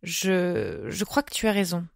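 A shy young woman in love, voiced by a woman reading aloud, murmuring and hesitant. Soft, close and dry. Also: medium pitch, steady tone, moderate pace, dry recording, lightly acted. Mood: gentle.

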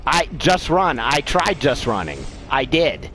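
Man, middle-aged, exasperated sweary game commentary, very animated intonation, clearly noisy home recording. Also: mid-range voice, a little slow. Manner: grumbling, exasperated, sweary complaining. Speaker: live game streamer. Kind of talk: casual gameplay commentary. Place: room at home.

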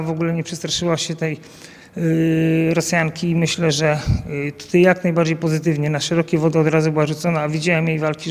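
Standing by a banner outdoors at an event, this coach of a national team, a man in his thirties, fields questions through the interviewer's handheld mic, often filling and restarting. His voice is a little high and sounds as if in a large hall.

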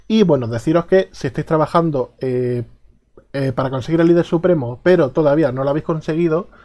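A man with a Spain Spanish accent giving a casual explanatory guide to game teams, relaxed and hesitant, with frequent filler sounds. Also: fairly high pitch. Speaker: mobile game guide creator.

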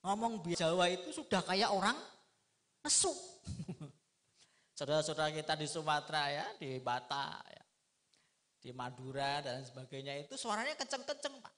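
Man, middle-aged, preacher, humorous sermon, crisp bright tone. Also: fairly high pitch, animated, normal speed. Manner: humorous, addresses listeners directly with rhetorical questions. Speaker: Islamic preacher. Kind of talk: lively religious lecture to a congregation.

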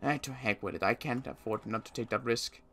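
In an improvised game roleplay, a man voices a suspicious, agitated survivor of the apocalypse, muttering his thoughts with stammering and repeated words. His natural, medium-pitched voice is fairly bright and runs a little fast.

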